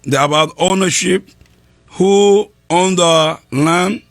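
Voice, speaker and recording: A man who is a pastor interviews a guest in halting, broken English. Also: high-pitched, gravelly, fairly bright tone, no echo, clean studio sound. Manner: halting non-native English, broken grammar.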